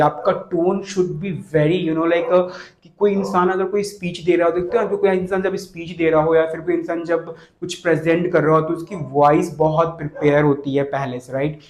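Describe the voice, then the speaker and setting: A man coaching on voice in a casual spoken lesson, with a slightly high voice. He keeps repeating his points and asks quick rhetorical questions. The sound carries a roomy echo. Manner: repetitive, rhetorical questions to the viewer. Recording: echoey room.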